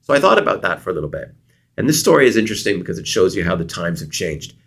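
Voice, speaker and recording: A middle-aged man with a very low voice, speaking as an interview guest. He tells stories from his working life and animates them by acting out what people said. Originally from Canada, he talks in a conversational, engaged way. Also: racing, vocal fry, husky. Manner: animated storyteller, acts out quoted dialogue. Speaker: guest consultant. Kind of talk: storytelling interview answers.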